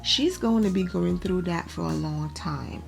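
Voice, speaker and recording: A woman's voice: lowish voice, unhurried, creaky, faint music behind. A young woman from Liberia, hosting a casual, opinionated recap vlog and laughing often. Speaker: vlog host reviewing a reality show.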